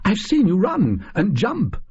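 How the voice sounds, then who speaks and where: Male reader as loyal storybook doctor sidekick: earnest, stammering, very husky, pitch leaping about, slightly dull recording. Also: wildly swooping pitch, unhurried, darkish tone, full character voice. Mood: flustered. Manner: stammering, incredulous, formal.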